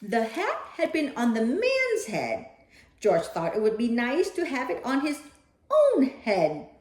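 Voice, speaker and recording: Female storyteller for children's read-aloud: very lively intonation, unhurried, playful and dramatic, recorded in an echoey room. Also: fairly high pitch. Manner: animated, dramatic, with playful asides to a young listener. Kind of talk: expressive children's picture book read-aloud.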